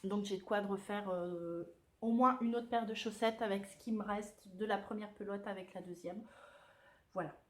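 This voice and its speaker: A woman's voice: mid-range voice, steady tone, normal speed. Chatty woman knitting podcaster. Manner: chatty, with many hesitations and self-corrections. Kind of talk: casual knitting video podcast.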